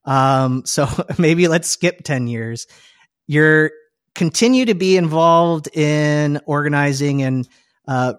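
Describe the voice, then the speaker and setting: A man hosts a podcast in a relaxed, chatty way, laughing often as he looks back on old times. His voice sits at an average pitch, and the recording is dry with no room sound. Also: no room sound. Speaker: podcast host. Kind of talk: casual podcast conversation.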